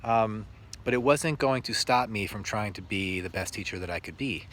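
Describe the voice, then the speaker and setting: A male teacher telling reflective stories about his work in an earnest, halting way with many pauses. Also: fairly low pitch, fairly bright tone. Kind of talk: reflective storytelling monologue.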